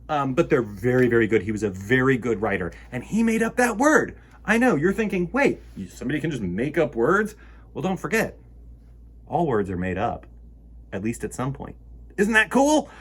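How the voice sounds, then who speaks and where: This storytime host has a fairly high, slightly rough voice as he reads and chats expressively with young kids. His manner is enthusiastic and encouraging.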